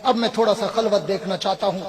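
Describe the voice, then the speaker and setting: A middle-aged man with a Pakistani accent, a religious orator addressing a rally from the stage in an emphatic, devout and deferential way. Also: high voice. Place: large religious gathering stage. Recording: loud crowd noise behind. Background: crowd.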